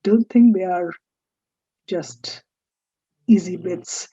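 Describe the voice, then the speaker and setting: A woman teaching French in a recorded lecture, saying each letter slowly and stressing its sound. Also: fairly low pitch, warm tone, slightly rough, dry recording, lo-fi sound.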